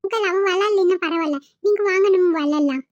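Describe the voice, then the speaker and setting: A squeaky little cartoon kid, voiced by a woman, whiny and pleading. The sound is dry and a bit muffled. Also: fast talker, no room sound. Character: small child, playful and whiny. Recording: dull, dry home recording.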